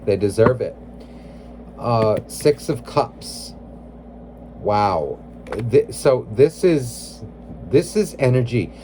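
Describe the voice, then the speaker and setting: A man's voice: medium pitch, expressive, extremely slow, long pauses, warm tone, slight background noise. A man giving a casual tarot reading, rambling with many "like"s and "you know"s, blunt and emotionally invested. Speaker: tarot reader.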